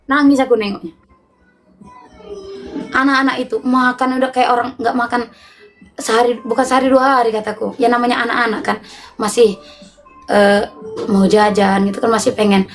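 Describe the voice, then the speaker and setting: Animated high-voiced woman. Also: moderate pace, long pauses, soft background music. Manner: animated, emotional retelling, often laughing. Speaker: livestream host. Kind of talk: casual live storytelling to viewers.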